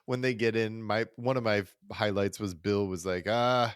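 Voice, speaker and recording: A man's voice: fairly low pitch, moderate pace, clear, resonant tone, dry recording, clean studio sound. A man co-hosting a casual podcast in an easygoing, agreeable way, chuckling along. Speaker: podcast co-host. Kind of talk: casual retrospective chat.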